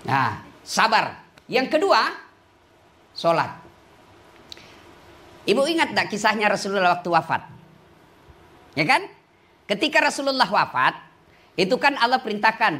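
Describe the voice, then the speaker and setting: A male Islamic preacher giving a humorous sermon to women, teasing and lively, with big swings in pitch.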